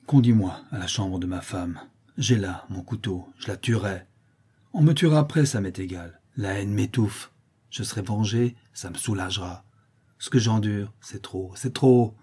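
A brutal blind old brigand, played by a man in a storybook reading. His low, dark voice growls with bitter menace and a husky grain. He sounds worn down and full of hatred. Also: moderate pace. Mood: vengeful.

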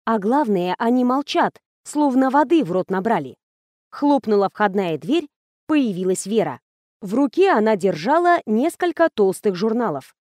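A woman narrating a first-person audiobook with wry, conversational irony. Her voice sits fairly high and moves in a lively way. The reading is dry and close to the mic. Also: moderate pace, dry recording.

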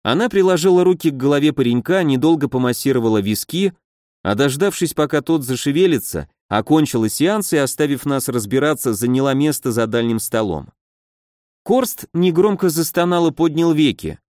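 A man reading a first-person fantasy audiobook in an even storytelling manner. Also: on the high side, a little fast, no echo, clean studio sound. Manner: even storytelling, voices characters. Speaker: audiobook narrator.

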